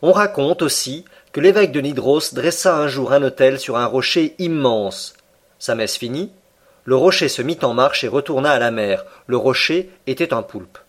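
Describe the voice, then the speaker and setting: A man narrating a classic novel as an audiobook in a measured, even reading style. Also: mid-range voice. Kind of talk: scripted literary narration.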